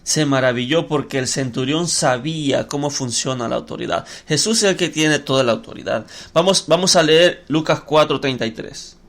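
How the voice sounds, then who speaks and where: A man's voice: fairly high pitch, normal speed, gravelly. A man preaching a sermon on a podcast microphone, emphatic and repetitive, asking rhetorical questions. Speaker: pastor.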